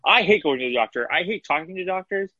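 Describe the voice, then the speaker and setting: Candid young male co-host, slightly high voice, dry and muffled lo-fi audio. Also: lively intonation, fast talker, bright, forceful tone, slightly rough, no echo. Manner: opinionated, candid. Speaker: podcast co-host. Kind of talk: casual chat.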